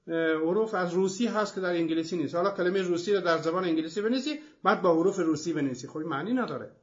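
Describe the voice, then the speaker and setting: A man hosting a language programme, giving an explanatory lecture in a methodical way with many examples. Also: high-pitched. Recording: dull lo-fi recording.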